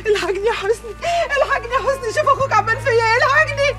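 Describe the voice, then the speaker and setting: An actress playing a young Egyptian servant woman who was betrayed, given to wailing laments and sharp scolding, in a TV drama with a music score. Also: sits high, fast, close to an everyday voice. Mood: wailing, despairing.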